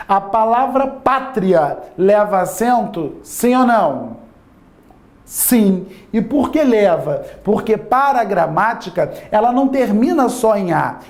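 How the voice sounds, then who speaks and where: In a voice that sits high, a man gives a Portuguese grammar lesson, continually asking listeners rhetorical yes-or-no questions and drawing out important words to emphasize them.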